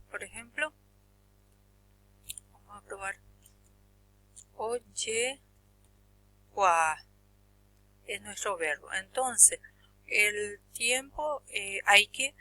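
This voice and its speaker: A woman's voice: mid-range voice, bright, forceful tone, slight background noise. A woman from Paraguay, teaching a language class and patiently explaining grammar step by step while checking that the students understand. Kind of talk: Guarani grammar lesson.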